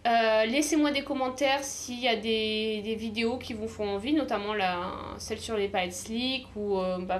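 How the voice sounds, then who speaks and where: A woman's voice: medium pitch, a little hiss or hum. A woman from the south of France chatting casually in a beauty haul video, hesitant, with many fillers and restarts. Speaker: beauty vlogger.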